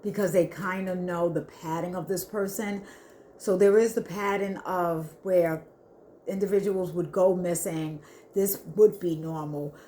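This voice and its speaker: A woman giving an earnest spiritual reading to her viewers, talking haltingly with many restarts. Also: fairly low pitch, steady tone, warm tone, a little hiss or hum. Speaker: spiritual reader. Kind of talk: intuitive spiritual reading to camera.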